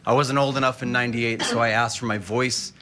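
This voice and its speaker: A man's voice: medium pitch, fairly even intonation, brisk, sharp tone. A man in his late twenties giving firm, impassioned public testimony at a podium in a state capitol hearing room, posing rhetorical questions. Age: 20s.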